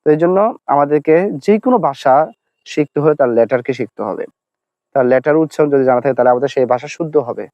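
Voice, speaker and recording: A man teaching Arabic letter pronunciation, patiently repeating each sound slowly to demonstrate it. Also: mid-range voice, dark tone, no echo, highs cut off. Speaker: Quran recitation teacher.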